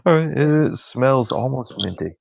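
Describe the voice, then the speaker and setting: A man's voice: medium pitch, expressive, unhurried, creaky, no echo, poor audio. A man narrating as game master in a laid-back, drawling way. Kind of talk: narrating a tabletop game over voice chat.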